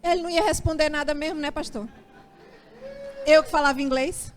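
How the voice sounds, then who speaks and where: A woman's voice: sits high, steady tone, brisk, soft background music. A woman pastor with a Brazilian Portuguese accent preaching a sermon, telling a personal story and acting out her own anxious prayers. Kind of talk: sermon testimony.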